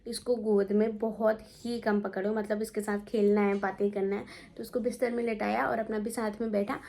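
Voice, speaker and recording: A woman's voice: mid-range voice, flat delivery, moderate pace, gravelly, mellow. A young woman chatting casually for her home vlog, rambling and repeating herself as she talks. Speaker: family vlogger. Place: at home indoors.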